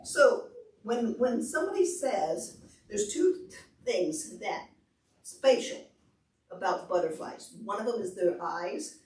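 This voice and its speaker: In a large library meeting room that echoes, a visiting presenter takes things slowly in a mid-range voice as she talks with preschoolers and parents. Her interactive style is animated and demonstrative, with simple explanations and questions, all recorded from a far-off camera mic.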